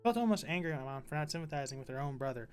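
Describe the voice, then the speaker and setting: A man's voice: fairly high pitch, racing, faint music behind. Man reading a horror story aloud. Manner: expressive reading, quiet muttering asides while gaming. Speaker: streamer.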